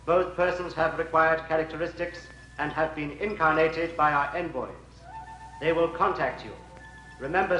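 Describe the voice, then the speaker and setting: A man's voice: a little high, fairly bright tone, lightly acted. A man playing a cold, commanding alien mission leader in a dubbed vintage science-fiction film, speaking in a clipped, formal way. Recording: echoey old film soundtrack.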